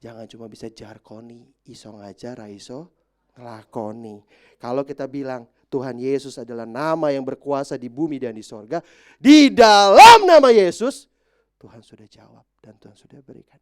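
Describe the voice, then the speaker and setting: Pastor preaching with loud bursts. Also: male voice, mid-range voice, steady tone, a little fast. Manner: swings from quiet asides to shouted climaxes; addresses the congregation directly with questions. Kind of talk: sermon. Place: church service.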